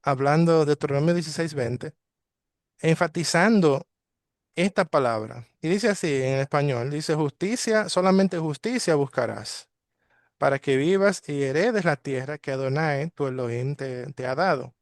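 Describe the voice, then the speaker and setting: A man's voice: fairly high pitch, moderate pace, no room sound, clean studio sound. A man teaching a daily Torah study, talking with many fillers and restarts. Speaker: congregation teacher.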